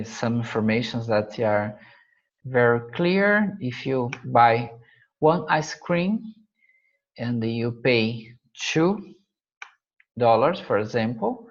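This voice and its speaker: A Brazilian man, a native Portuguese speaker with a Brazilian Portuguese accent, teaches a math lesson over slides. He halts and searches for English words, using frequent fillers. His medium-pitched voice is gravelly, and the sound is lo-fi.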